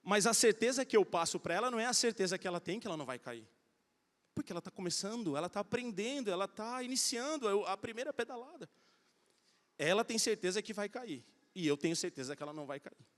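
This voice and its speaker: High-voiced pastor in a reverberant hall. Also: male voice, fast. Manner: storytelling, animated, acting out quoted voices. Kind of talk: sermon. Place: large church hall.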